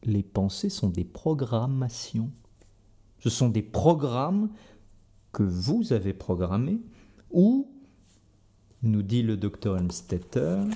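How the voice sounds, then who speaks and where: A man hosting an audio show as an energy healer, talking calmly and conversationally, speaking straight to his listeners. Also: mid-range voice. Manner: calm, conversational, addresses listeners directly. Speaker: energy healer and podcast host. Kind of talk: reflective spoken talk.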